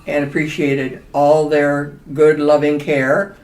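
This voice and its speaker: A woman's voice: deep voice, level tone, slow pace, darkish tone. Echoey, distant older woman chatting. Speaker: podcast co-host, senior community resident. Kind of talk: casual interview chat. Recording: roomy echo, distant from mic.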